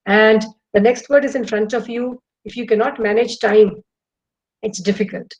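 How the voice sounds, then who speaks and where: A woman's voice: a little high, normal speed, lo-fi sound. A middle-aged woman with an Indian English accent, giving an enthusiastic webinar talk to students over a video call. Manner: lively, enthusiastic lecturing with demonstrations. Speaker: guest speaker.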